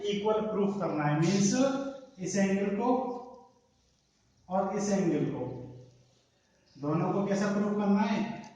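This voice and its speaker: A man's voice: high voice, slow pace, pauses often, warm tone. A man teaching a maths lesson, often asking the class questions and answering them himself. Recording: echoey room, distant from mic.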